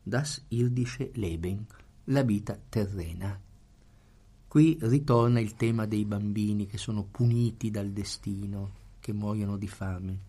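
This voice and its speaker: A man's voice: fairly low pitch, measured pace, warm tone, husky. A man giving impassioned, emphatic lecture-style commentary on a classical music radio show.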